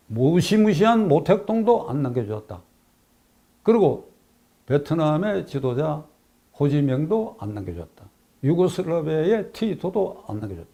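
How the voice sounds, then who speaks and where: A man's voice: on the high side, vocal fry, warm tone. An older man giving a political commentary monologue, emphatic and repeating key phrases, asking rhetorical questions.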